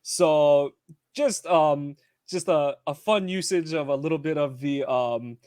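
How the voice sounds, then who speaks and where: A man's voice: a little high, slow, no room sound, studio quality. A man from Hawaii co-hosting a football podcast, chatting casually with frequent fillers and laughs. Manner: relaxed, laughs often, many fillers. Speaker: podcast co-host. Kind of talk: casual sports podcast chat.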